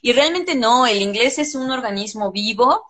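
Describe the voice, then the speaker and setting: A woman's voice: a little high, expressive, normal speed, a bit bright. Emphatic woman. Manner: emphatic, explanatory, salty slang and swearing. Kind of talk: casual conversation.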